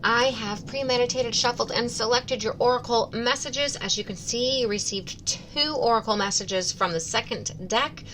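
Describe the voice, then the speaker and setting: A woman giving a spiritual oracle card reading in measured, deliberate phrases with pauses between them. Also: on the high side, a bit bright, slight background noise, poor audio. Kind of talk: slow, spiritual guided card reading, partly read out.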